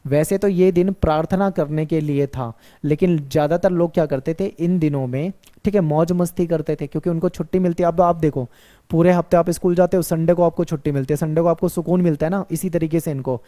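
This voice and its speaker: A man's voice: a little high, fairly even intonation, brisk, dark tone. A male teacher giving an exam-focused history lecture, who asks questions, answers them himself and repeats key points.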